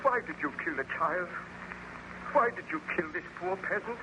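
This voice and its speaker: A determined baron, speaks earnestly and formally in a high-pitched male voice. It is old radio horror, with clear noise over the recording. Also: animated, moderate pace. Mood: reproachful. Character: grave, determined baron hunting his monstrous creation. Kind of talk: old-time radio horror drama acting.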